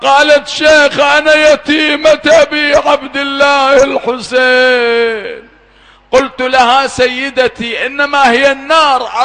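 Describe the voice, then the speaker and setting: A man's voice: very high-pitched, pushed and bright. A man giving a mournful sermon, reciting an elegy with impassioned, wailing cries. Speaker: Shia eulogy reciter. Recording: long hall reverb.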